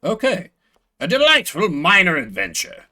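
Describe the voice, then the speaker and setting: A man with a high voice and wildly swooping pitch talks at a normal speed in a sharp tone. He streams a video game with casual, rambling commentary, reads out game text, and throws in playful mock-grandiose asides.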